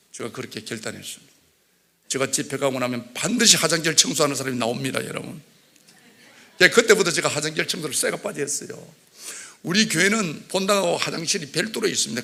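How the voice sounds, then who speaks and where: Middle-aged male church elder, Gyeongsang accent, gravelly and bright-toned, impassioned testimony that drops to quiet confession. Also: fairly high pitch. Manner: fervent, swings from loud exclamations to hushed confession. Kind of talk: emotional testimony sermon.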